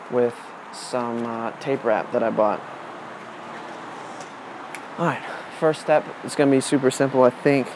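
Out on a wooden porch, a twenty-something DIY presenter works with his hands and explains the steps off the cuff. The medium-pitched voice comes through a rough outdoor camera recording with constant background noise.

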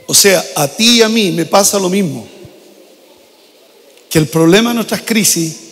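An older man preaching a sermon as pastor, repeating phrases and shouting out prayers. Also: high-pitched, unhurried. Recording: long hall reverb.

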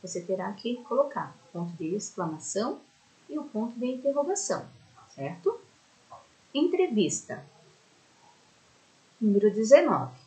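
Woman, Brazilian accent, primary school teacher, remote lesson, affectionate, unhurried. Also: mid-range voice, very animated, warm tone, poor audio. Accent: Brazilian Portuguese. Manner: affectionate, explains slowly, often adds "né?".

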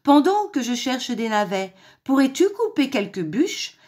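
A crafty mother hen from a children's storybook, as a woman reading aloud puts her on. She gives brisk, bossy orders in a sweet, scheming tone, with a high and lively voice that bounces up and down.

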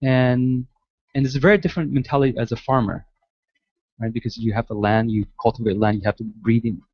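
A guest architect lecturer from Malaysia, raised in the United States, answers audience questions in a large lecture hall, hesitating and restarting often. His mid-range voice is husky and steady in tone, fairly quick. The recording has no room sound and the highs are cut off.

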